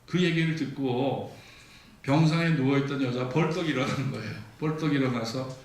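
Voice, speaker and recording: A man's voice: medium pitch, moderate pace. A man preaching a sermon as pastor, telling stories and acting out the lines of the people in them. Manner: storytelling, acts out quoted dialogue. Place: church sanctuary. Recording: echoey church hall, mic from a distance.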